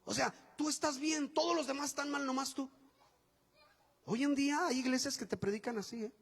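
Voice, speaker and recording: A man preaching a sermon as pastor, animated and folksy, acting out quotes with chatty asides to the congregation. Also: extremely high pitch, a little fast, gravelly. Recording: long hall reverb.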